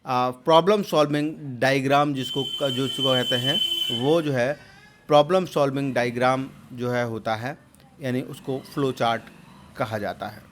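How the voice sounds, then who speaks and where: A man explaining quiz answers as a computer exam tutor. He repeats terms with many fillers and pauses, and raises his voice loudly to read out each new question. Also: medium pitch, fairly even intonation, slight background noise. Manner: repeats terms and fills with "jo hai" and hesitations.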